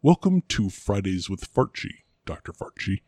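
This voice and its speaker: A man playing a formal, prim gentleman interviewer with a proper, fussy way of talking. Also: fairly low pitch, big pitch swings, moderate pace, husky, no room sound, clean studio sound. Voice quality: formal, prim, increasingly exasperated. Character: stuffy, proper male interviewer, middle-aged man. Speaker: interviewer in a comic sketch.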